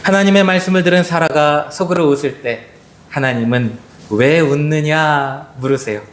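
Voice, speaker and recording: Impassioned preacher in an echoey church. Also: male voice, brisk, slight background noise. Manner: impassioned preaching, swings high and low, acts out quoted voices; addresses the congregation directly. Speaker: pastor. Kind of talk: Sunday sermon. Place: church sanctuary.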